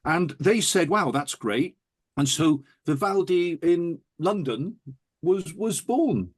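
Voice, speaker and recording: Speaking slowly in a husky voice that sits on the high side with lively intonation, a male interview guest enthusiastically recounts anecdotes. He is an audiophile recording producer, and the talk is animated and full of stories.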